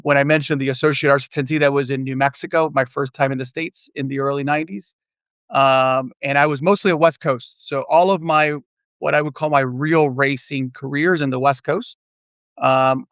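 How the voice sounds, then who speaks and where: Podcast guest: middle-aged man from Puerto Rico, gravelly and flat, measured, dry remote sound. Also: medium pitch, dry recording. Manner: measured, frequent "uh" pauses. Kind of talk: casual interview chat. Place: remote, virtual studio.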